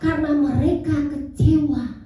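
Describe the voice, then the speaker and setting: A middle-aged woman preaches with a high, mellow voice, often turning to the congregation and calling for amens. The sound is drenched in hall echo and picked up from a distance. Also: steady tone, measured pace. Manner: repeatedly addresses congregation, calls for amen. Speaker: pastor. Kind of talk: sermon. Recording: very echoey hall, distant mic.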